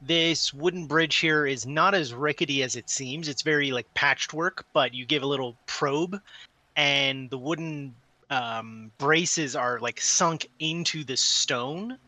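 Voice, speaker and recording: A man runs a tabletop game as its game master, describing scenes in a casual, conversational way. His voice sits a little high and has a bright, forward edge. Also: measured pace, no echo.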